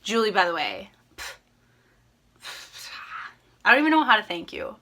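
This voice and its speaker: A young woman from Minnesota talks straight to her viewers with a bright, forward tone. She rambles, backtracks and gushes, a cross-stitch host chatting casually while her voice sounds a little worn. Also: medium pitch, big pitch swings, moderate pace. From Minnesota, USA. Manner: rambling, chatty, self-correcting; upbeat and gushing. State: slightly losing her voice.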